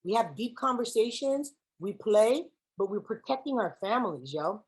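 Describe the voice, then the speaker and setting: Here a young keynote speaker addresses students in a husky, animated voice on the high side, at a moderate pace. Her speech features a spoken-word poem, alternates between English and Spanish, and asks the audience questions.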